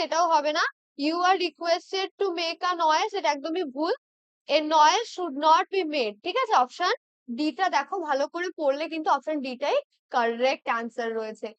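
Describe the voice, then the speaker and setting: Very high-voiced woman teaching English. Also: a bit bright, dry recording. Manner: keeps checking in with tag questions, spells words out letter by letter. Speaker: English exam-prep teacher. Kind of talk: explaining exam practice questions.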